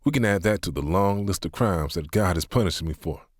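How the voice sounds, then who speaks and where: A man's voice: low-pitched, animated, brisk, dry recording, clean studio sound, voice pushed up. A man voicing a grieving, defiant middle-aged man who speaks with bitter, half-hearted sarcasm.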